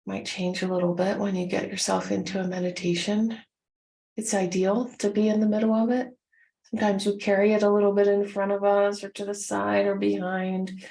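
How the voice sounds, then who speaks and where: This medium-pitched woman leads a guided meditation, offering soft, soothing instructions in brief phrases and taking her time between them. The audio is poor.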